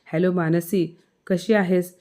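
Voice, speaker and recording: A woman's voice: on the low side, fairly even intonation, slow pace, warm tone. A woman voicing a hurt, angry young husband in a spoken story.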